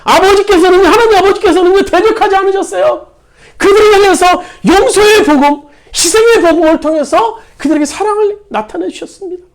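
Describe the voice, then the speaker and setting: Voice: extremely high pitch, a little fast. A pastor preaching a sermon in a church, stressing key words by repeating them. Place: church sanctuary.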